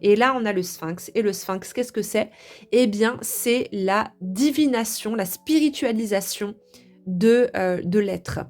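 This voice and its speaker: Gentle woman reading tarot. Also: medium pitch, measured pace. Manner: hesitant, many fillers, gentle and chatty with viewers. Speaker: tarot reader.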